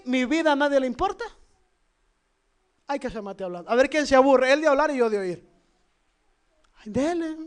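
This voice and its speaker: A man with a Salvadoran accent preaching a sermon. He keeps firing rhetorical questions at the congregation and swings between loud and soft. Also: very high voice.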